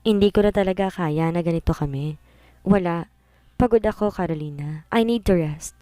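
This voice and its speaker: A woman's voice: fairly low pitch, normal speed, warm tone, no room sound, lightly acted. A woman voicing a tired, cold young husband who answers curtly and snaps when pushed, in a storybook reading. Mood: weary. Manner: curt, tired, snapping. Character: weary cold husband, young adult man.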